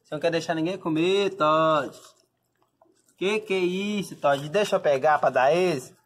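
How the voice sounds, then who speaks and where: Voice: mid-range voice, moderate pace. A Brazilian pet owner speaking to the camera in affectionate baby talk while feeding the dogs at home. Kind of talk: casual pet vlog narration. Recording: echoey room with noise. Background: dogs barking and growling.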